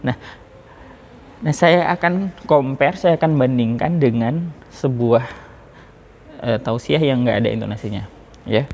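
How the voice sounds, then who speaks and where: A man talks through a lesson on how to deliver a sermon, in a loose, chatty manner full of fillers and restarts. His voice sits at an ordinary middle pitch. A faint hiss runs underneath. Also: unhurried, pauses often, darkish tone. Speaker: public speaking teacher. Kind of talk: informal lesson on preaching delivery.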